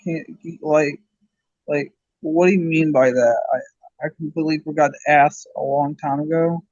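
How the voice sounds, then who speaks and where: A man's voice: fairly high pitch, steady tone, moderate pace, darkish tone, no echo, muffled recording. A man asking a question on a webinar video call, stumbling and hesitant. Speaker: webinar participant.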